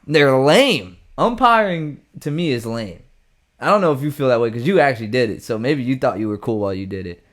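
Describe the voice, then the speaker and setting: A man's voice: medium pitch, lively intonation, brisk, fairly bright tone. A young man hosting a casual chat, joking, laughing often and airing strong opinions. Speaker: podcast host.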